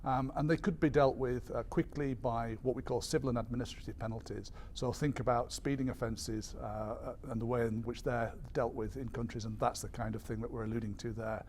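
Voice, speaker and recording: A male spokesperson explains policy in a measured, formal way. His voice sits at an average pitch, and he often pauses on an um or repeats a word as he searches for the next phrase. There is faint noise behind him. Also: steady tone, a little mellow. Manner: measured, hesitant, with frequent ums and repeated words. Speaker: airline industry association spokesperson. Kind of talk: explanatory briefing to media.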